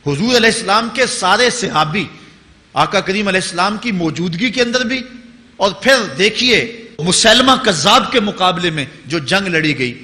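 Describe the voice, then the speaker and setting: Male preacher, impassioned sermon, forceful voice, long hall reverb. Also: high voice, expressive. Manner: impassioned, rising to emphatic peaks, chanting Arabic quotations slowly. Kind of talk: Urdu religious sermon.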